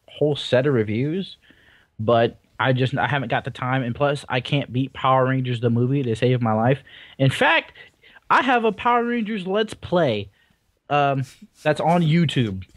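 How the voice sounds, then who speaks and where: A man's voice: mid-range voice, big pitch swings, moderate pace, no echo. A man co-hosting a casual gaming podcast, rambling and swearing casually with self-deprecating jokes. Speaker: podcast co-host. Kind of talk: casual chat.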